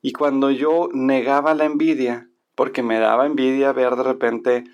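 A man's voice: mid-range voice, little pitch movement, moderate pace, highs cut off. A man talking casually and reflectively in a conversation, often restarting his sentences. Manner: reflective, many restarts and fillers.

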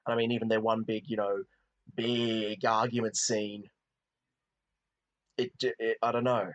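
A man's voice: fairly low pitch, flat delivery, a little slow, lo-fi sound. Rambling male film podcast co-host. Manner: rambling, many restarts and "you know". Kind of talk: casual film review chat.

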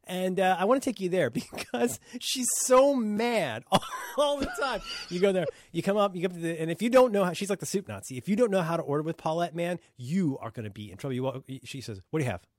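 Male podcast co-host, lively swearing storyteller, dry close mic. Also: high voice, quick pace, hardly any pauses, dry recording. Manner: animated storyteller, laughs often, swears freely. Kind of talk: casual chat.

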